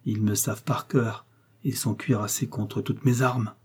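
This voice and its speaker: A man's voice: flat delivery, unhurried, husky. A man voicing a vengeful captive noblewoman who mutters her threats under her breath, in an audiobook reading. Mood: despairing. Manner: muttering low through clenched teeth.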